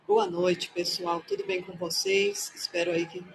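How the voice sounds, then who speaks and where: A playful woman chats casually on her live stream, welcoming viewers by name. She takes her time, speaking slowly and easily, while a faint hum sits behind her voice. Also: on the low side, flat delivery, vocal fry, low-quality recording. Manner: playful, chatty, greets viewers one by one. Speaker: live-stream host and tarot reader.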